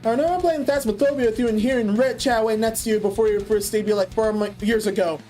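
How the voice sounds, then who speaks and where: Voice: medium pitch, quick pace, dark tone, soft background music. A commentary host talking casually, blunt and profane, and sounding tired.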